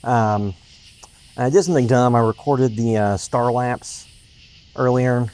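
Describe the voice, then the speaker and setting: Speaking a little slowly in a darkish mid-range voice, a man narrates as he explores a park for his vlog. He sounds hesitant and rambling yet matter-of-fact, with no script, while outdoor ambience and road noise are clearly picked up.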